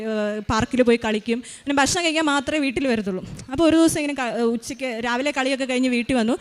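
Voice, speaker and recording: Fast-talking mother, tense retelling. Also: a little high. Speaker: mother giving a faith testimony. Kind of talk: emotional personal testimony.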